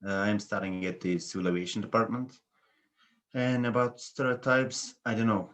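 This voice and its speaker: A man's voice: on the low side, little pitch movement, moderate pace, a bit bright. A man, a student introducing himself hesitantly on a video call. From Turkey. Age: 20s. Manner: hesitant, many restarts. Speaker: aviation student.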